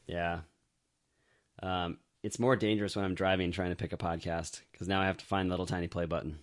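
A man's voice: sits low, little pitch movement, brisk, dry recording, clean studio sound. A man co-hosting a podcast in casual chat, rambling with lots of fillers and easy laughs. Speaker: podcast co-host.

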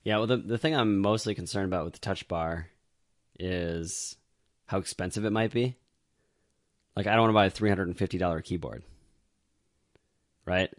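A man with a very low voice chats casually on a podcast, rambling with fillers and laughing easily. His voice sits close and dry on the mic, with no room sound. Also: moderate pace, long pauses, dry recording. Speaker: podcast co-host. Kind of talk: casual chat.

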